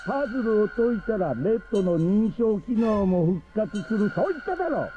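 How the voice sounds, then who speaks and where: A man's voice: sits high, lively intonation, very fast, dark tone. An actor voicing a cruel, scheming middle-aged man in a game, mocking and condescending, heard as muffled game audio with music behind. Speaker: game character.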